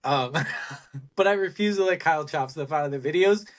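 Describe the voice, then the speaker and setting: A middle-aged man co-hosting a casual business chat, animated and rambling, laughing often and talking bluntly with some swearing. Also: on the high side, moderate pace. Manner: blunt, salty language. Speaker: podcast co-host.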